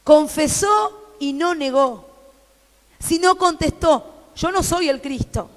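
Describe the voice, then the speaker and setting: Argentine lady pastor preaching, very high voice, slow, fervent, long church hall echo. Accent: Argentine Spanish. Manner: fervent, repetitive, rising to shouted proclamations. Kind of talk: sermon.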